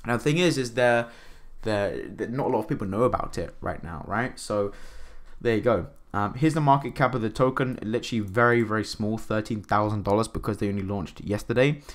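A man with a lowish voice talks through a screen-share review in a casual, rambling way. He restarts sentences and fills pauses with "um" and "right?". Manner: rambling, filler-heavy, repeats "right?". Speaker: crypto channel host.

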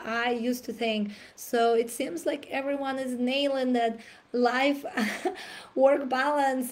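Woman host, raspy from a cold, slow unhurried delivery, clears throat often. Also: sits high. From Russia. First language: Russian. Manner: frequent throat clearing and fillers. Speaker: challenge host. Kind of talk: live-stream coaching talk.

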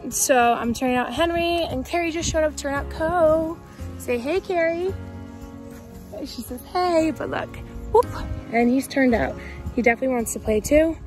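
Filming herself with a phone at arm's length, a chatty vlogger in her twenties runs around a farm, panting as she talks and cooing at the animals in a baby voice. Her voice sits high with a darkish tone and a moderate pace. Faint music plays underneath.

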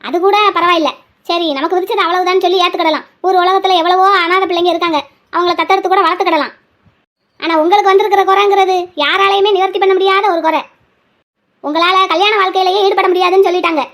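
A fierce, stubborn village grandmother, played by a woman snaps out her words at a quick clip. The voice sits very high, and she scolds with total certainty. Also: steady tone, fairly bright tone. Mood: stern. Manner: firm, scolding, rapid delivery. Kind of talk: hobby drama dialogue.

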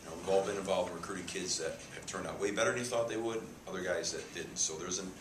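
This fiftysomething head football coach fields press conference questions with emphasis, repeating himself and gesturing. He talks fast in a low, steady tone, recorded on a table mic cluster in a press room with a sponsor backdrop, with echo and faint hiss.

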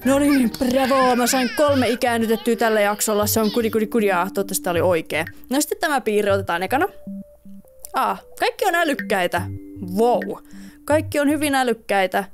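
Brief: young woman, upbeat let's-play commentary, fairly high voice, faint music under it. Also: lively intonation. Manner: chatty, playful, mixes in English phrases, sings and coos at game characters. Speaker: gaming YouTuber.

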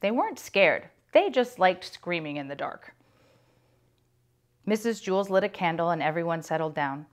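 A woman reading a children's chapter book aloud with clear, expressive storytelling. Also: fairly low pitch, normal speed.

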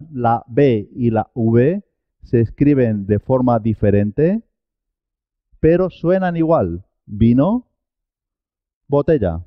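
A man's voice: mid-range voice, no room sound, lo-fi sound. A man teaching a Spanish pronunciation lesson, carefully enunciating each sound and model word. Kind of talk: slow, clear pronunciation lesson.

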